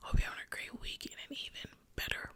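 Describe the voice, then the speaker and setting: A woman's voice: quick pace, bright, forceful tone. A woman whispering intimately and breathily in a casual, chatty ASMR ramble. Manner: intimate, unvoiced whispering throughout. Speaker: ASMR video creator.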